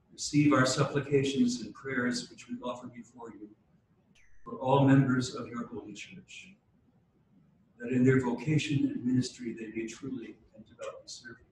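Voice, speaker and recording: A man's voice: medium pitch, a little hiss or hum. Man speaking in a cathedral echo. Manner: measured and formal, with occasional halting restarts. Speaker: church leader opening a diocesan meeting. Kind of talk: formal address and liturgical prayer. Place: large church hall. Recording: cavernous church echo from a distant mic.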